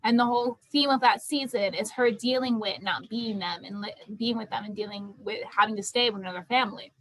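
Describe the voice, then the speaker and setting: On a low-quality recording, a young adult woman with a medium-pitched, slightly bright voice talks fairly quickly. As leader of a student theatre group discussion, she keeps it casual yet emphatic, restating points for stress.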